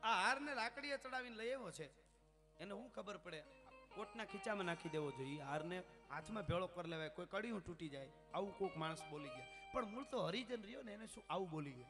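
A man telling a folk story live, swinging from soft asides to loud declaiming. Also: high voice, lively intonation, brisk, over music. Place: live family function.

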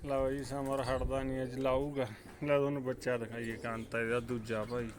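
A man's voice: mid-range voice, flat delivery, moderate pace. A man with a Punjabi accent giving casual, informal running commentary as a pigeon-keeping vlogger, often addressing viewers as brothers. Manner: informal, calls viewers brother, banters with helpers. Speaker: pigeon keeper and vlog host. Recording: clear background noise, cooing pigeons. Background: pigeons cooing.

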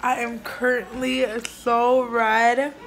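A woman's voice: a little high, level tone, takes it slowly. A young woman chatting casually during a food challenge, struggling with a mouth burning from spicy food. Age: young adult. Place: small bedroom, sitting on a bed. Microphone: camera a few feet away. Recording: echoey bedroom, clear background noise.

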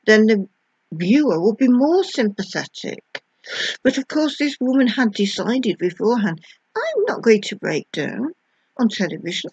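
An older woman from the UK, a retired nurse, gives stern advice in a high voice that swoops widely. Her tone is husky, and she dramatizes with mock sobbing impressions. The recording is dry and dull, lo-fi. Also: no room sound. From United Kingdom. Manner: theatrical, mimics sobbing voices, emphatic repetition. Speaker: former nurse giving advice. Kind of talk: direct-to-camera advice monologue.

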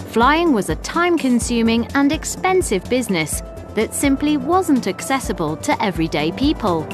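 A woman reading scripted documentary narration in a measured, clearly enunciated way. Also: medium pitch. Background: background music.

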